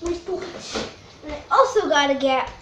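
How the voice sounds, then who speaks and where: High-pitched child in a noisy echoey room. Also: expressive, normal speed, distant mic, highs cut off. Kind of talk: pretend play narrated to viewers.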